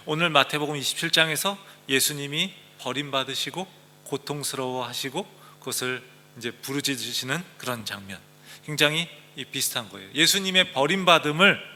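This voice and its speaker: A man's voice: medium pitch, pushed and bright, long reverb tail, slight background noise. A man preaching a sermon as a pastor, earnestly reading scripture aloud and explaining it. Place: church.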